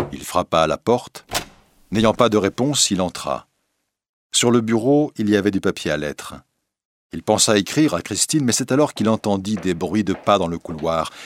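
A man reading a story aloud in measured, dramatic narration. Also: sits low, a little hiss or hum.

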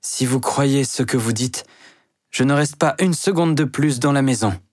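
A man voicing a young woman shop clerk who speaks softly but firmly, his voice raised in pitch. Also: moderate pace, breathy edge, dry recording, clean studio sound, natural voice. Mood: indignant.

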